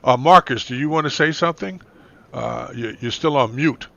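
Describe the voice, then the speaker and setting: Gravelly guy hosting on a muffled conference call, lots of okays and ums. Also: medium pitch, normal speed, pushed and bright. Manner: brief acknowledgments, hesitant fillers. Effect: conference call audio. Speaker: talk show host. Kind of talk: casual moderating of a group call.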